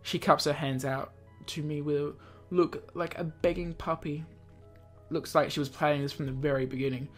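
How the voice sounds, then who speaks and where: A let's play video host reads from a visual novel in a steady, mid-range voice at a moderate pace, tripping over words and slipping in jokey remarks. Faint music plays underneath.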